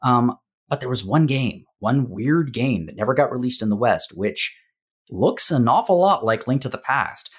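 A man's voice: mid-range voice, animated, moderate pace, husky. A man hosting a podcast in casual, rambling chat, recorded in an empty office with bare walls that gives his voice an echo. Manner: rambling, self-deprecating, filler-heavy. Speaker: podcast host. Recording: echoey bare room.

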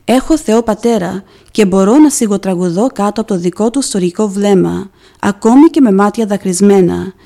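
A woman presents a devotional program in scripted narration. She reads in a measured, solemn way, pausing for emphasis. Her voice is mellow and warm, at a middling pitch. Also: creaky. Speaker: podcast presenter.

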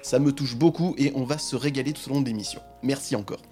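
A man's voice: mid-range voice, quick pace, dark tone, faint music behind. A man hosting a podcast with a honking, duck-like voice from being sick, presenting in a playful, theatrical way. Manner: theatrical, joking. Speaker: podcast host.

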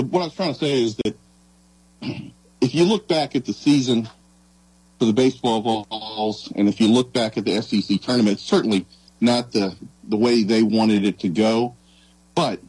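Earnest guy chatting sports, a bit husky, halting and thoughtful, dry sound. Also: medium pitch, darkish tone, dry recording, poor audio. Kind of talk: casual sports talk.

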